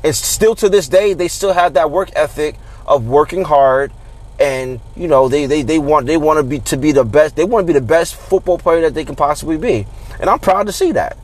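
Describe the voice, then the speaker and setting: A man who coaches youth football, hosting a casual sports podcast and talking in an animated way, often repeating and restarting words. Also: on the high side, fairly quick.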